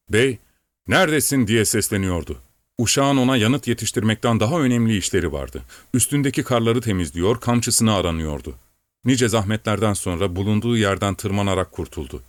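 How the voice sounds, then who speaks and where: A man calmly reading a story aloud in measured, steady audiobook narration. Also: on the low side, no echo.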